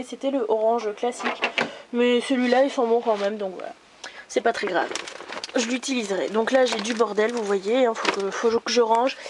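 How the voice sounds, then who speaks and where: A woman's voice: a little high, a little hiss or hum. Chatty young woman touring her room. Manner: chatty, self-mocking, many fillers and playful cheers. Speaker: vlogger giving a room tour. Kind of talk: casual room tour narration. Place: bedroom at home, indoors.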